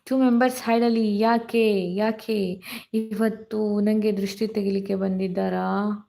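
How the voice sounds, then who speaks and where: Host, woman, hoarse gravelly voice, chatty live-stream greetings by phone. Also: medium pitch, steady tone, takes it slowly, warm tone. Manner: chatty, greets viewers by name. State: hoarse, voice cracking from illness. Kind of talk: casual live chat reading comments. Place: dark room at home during power cut.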